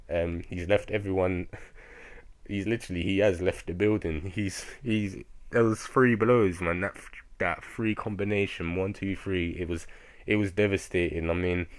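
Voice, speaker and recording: A young man casually recapping a manga chapter, rambling and excitable, with lots of fillers and laughs. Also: low voice. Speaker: manga reviewer.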